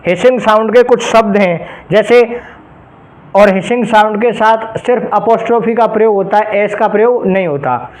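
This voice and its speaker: A male English grammar teacher with a high voice runs an exam-prep lesson, patiently explaining each rule and slowly reading example phrases. He speaks straight to his students, pausing to check understanding with rhetorical questions, on a rough recording.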